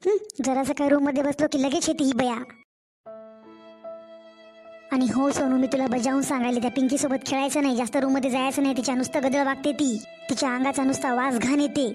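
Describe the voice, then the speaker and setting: A woman plays a harsh young stepmother in an animated storybook. She speaks in a high, sharp voice with a Marathwada Marathi accent. Every line comes out scolding and impatient, with faint music playing behind her. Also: fast talker, close to an everyday voice.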